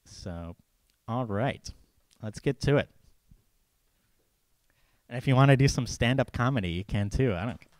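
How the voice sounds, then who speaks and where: A man's voice: mid-range voice, animated, moderate pace, long pauses, dry recording. A man, casually hosting a live talk evening into a handheld microphone, joking and using many fillers. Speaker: event host. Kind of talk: casual live event introduction. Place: small event space indoors.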